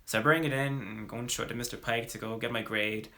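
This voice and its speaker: A man's voice: mid-range voice, steady tone, fast talker, sharp tone, close to an everyday voice. A man playing Jesse Pinkman, slangy and hesitant. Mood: reminiscing. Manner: hesitant, slangy, full of fillers and restarts. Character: young male ex-drug dealer, slacker gone remorseful. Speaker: actor. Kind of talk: dramatic monologue performance.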